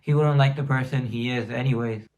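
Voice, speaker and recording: A man's voice: medium pitch, steady tone, a little fast, highs cut off, heavy background noise. A man hosting a music reaction video, talking in hyped, slang-filled casual commentary that answers the song lyrics. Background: song playing underneath.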